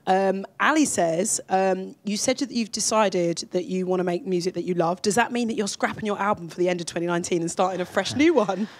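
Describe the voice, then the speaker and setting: A woman's voice: medium pitch, a little fast, few pauses. A woman presenting a radio interview, chatty and reading out fan questions.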